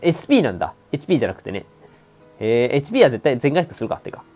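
A woman's voice: rumbling low, very animated, very fast, warm tone, breathy edge, faint music behind. A woman streamer who giggles often as she comments on a visual novel and reads its lines aloud. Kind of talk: game commentary.

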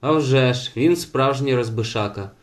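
A man voicing a gruff male dog driver who teases his companion with dry questions, in an audiobook. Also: medium pitch, normal speed, close to an everyday voice.

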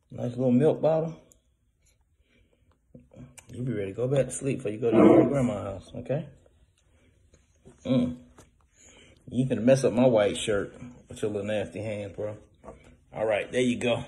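A man's voice: medium pitch, dark tone. A young father talking casually and playfully to his baby while feeding him, coaxing and teasing in slangy speech.

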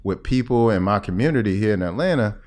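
Speaking quickly and animatedly, a middle-aged American health expert gives a conversational podcast interview in a lowish, darkish voice. He sits at a table in a small indoor room with a boom-arm podcast mic, explaining his points and checking that the listener follows.

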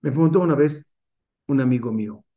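A man's voice: mid-range voice, brisk, dull audio. A man teaching as a rabbi in an online class, driving his points home with many rhetorical questions. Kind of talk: Torah class over video call.

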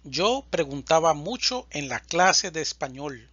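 A man teaching a slow, deliberate verb conjugation lesson, reading word lists with even spacing. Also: on the high side, husky, no room sound, muffled recording. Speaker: Spanish teacher.

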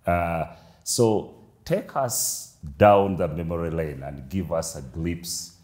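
A middle-aged man with a low, deep voice hosts a formal interview, pausing often with fillers. He sits in a room with a big window, and his voice carries a roomy echo. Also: a little mellow. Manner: measured, hesitant with fillers. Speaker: interview host.

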